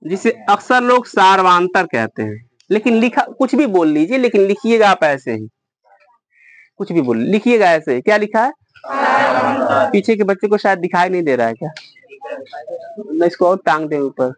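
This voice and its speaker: A man's voice: sits high, animated, moderate pace. A man teaching a math lesson to a class, explaining step by step and quizzing his students.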